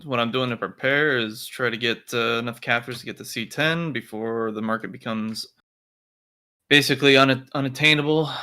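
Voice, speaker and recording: A man's voice: mid-range voice, bright, forceful tone, clean tone. A man co-hosting a casual gaming podcast who laughs easily and lays out his plans step by step. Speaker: podcast co-host.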